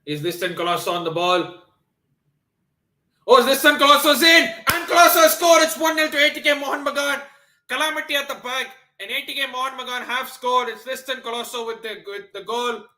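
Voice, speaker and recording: His pitch is extremely high and he talks a little fast, the room audible around him. He's a Nepali livestream host whose first language isn't Hindi, excitably covering a football match and chatting with viewers amid many fillers and restarts.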